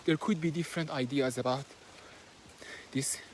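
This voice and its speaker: He's a book reviewer, a native Persian speaker with a Persian accent, casually walking outside and haltingly summarizing a book with many fillers and restarts. His voice is medium-pitched and moves at a normal speed. The handheld phone he records on is nothing fancy, and a little hiss or hum comes through.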